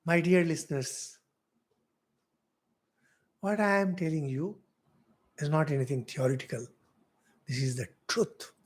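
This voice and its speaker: A middle-aged Indian man with an Indian English accent, a monk giving a spiritual lecture, asking rhetorical questions with big swings in loudness. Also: on the high side, unhurried, pauses often. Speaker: monk teaching spiritual philosophy.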